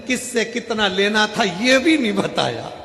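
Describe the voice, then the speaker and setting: A man's voice: high voice, animated, measured pace, vocal fry, sharp tone, voice pushed up, full character voice. A man voicing a greedy adult son who whines with self-pity. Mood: whining. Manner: whiny, self-pitying. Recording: echoey hall, faint music.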